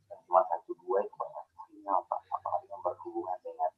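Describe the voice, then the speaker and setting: Low husky man on a muffled, robotic call. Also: flat delivery, fast. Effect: muffled, half robotic call audio. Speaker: caller. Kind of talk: call-in discussion. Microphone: poor headset on a video call.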